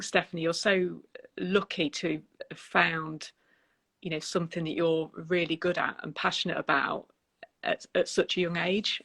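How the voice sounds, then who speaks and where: A middle-aged woman talks on a laptop webcam call from a room at home. Her voice is gravelly and flat, with little melody. She speaks softly, trailing off and leaning on "you know". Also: low-pitched. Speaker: guest, wedding business owner. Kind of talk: casual video-call chat. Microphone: laptop webcam on a video call.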